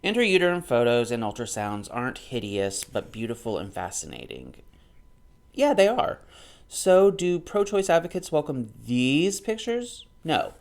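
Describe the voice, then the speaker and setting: An unhurried, sing-song delivery in a mid-range voice marks this thirty-something man's casual book commentary. He moves back and forth between reading aloud and improvised reactions, staying argumentative and emphatic and repeating key points.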